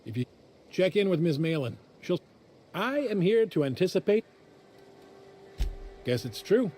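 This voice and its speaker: A man's voice: high-pitched, very animated, measured pace, a little mellow, full character voice. An actor playing a friendly saloon greeter on a frontier colony in a video game, with folksy salesman patter. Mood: welcoming.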